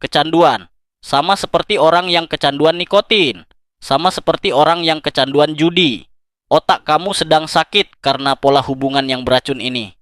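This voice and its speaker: A man's voice: on the high side, normal speed, a bit bright, no echo, studio quality. Intimate, dramatic male self-help narrator. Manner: dramatic, intimate direct address to the listener. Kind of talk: scripted motivational narration.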